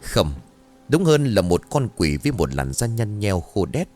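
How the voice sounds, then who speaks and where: A man's voice: on the low side, big pitch swings, a little slow, a little mellow. A man narrating a ghost story with dramatic storytelling. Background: faint music.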